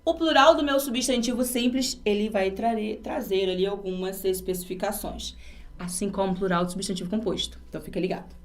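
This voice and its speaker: A woman's voice: medium pitch, fairly quick. A woman from Brazil teaching an exam-prep grammar lesson, explaining step by step and asking her students rhetorical questions.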